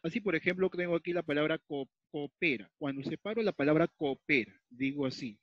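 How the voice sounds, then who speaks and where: A man from Peru walks a class through a grammar lesson, repeating each rule and pausing to check that everyone is following. His voice sits a little high for a man. The recording is dull and dry, with no room echo. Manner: explains step by step, repeats key points, checks in with frequent "¿ya?". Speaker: teacher. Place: at a whiteboard or tablet, writing as he talks.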